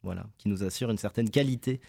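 A man's voice: lowish voice, fast talker, creaky, warm tone, no room sound, clean studio sound. A man, a guest on a local radio show, explaining an event at a casual pace with many fillers. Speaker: guest, cultural center organizer.

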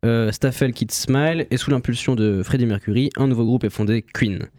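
A young man presenting a music history segment on the radio, halting and full of fillers. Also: mid-range voice, darkish tone, no room sound, studio quality. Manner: halting, many fillers and restarts. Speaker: radio columnist. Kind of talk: reading a history segment on air.

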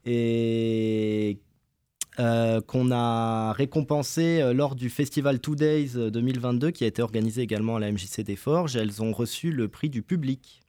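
A man's voice: mid-range voice, fairly even intonation, moderate pace, dark tone, dry recording. A man, a guest on a local radio show, explaining an event at a casual pace with many fillers. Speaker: guest, cultural center organizer.

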